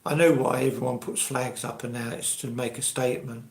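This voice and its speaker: A man's voice: medium pitch, fairly even intonation, a little fast, creaky. A man in his sixties with an English accent, chatting casually and ramblingly as he hosts a live stream. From England. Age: 60s. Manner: rambling, conversational. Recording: roomy, echoey live stream.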